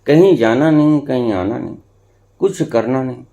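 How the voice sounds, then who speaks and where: A spiritual teacher addresses his followers in a discourse, swinging between hushed and emphatic delivery and repeating phrases for effect. His mid-range voice has lively intonation and a moderate pace.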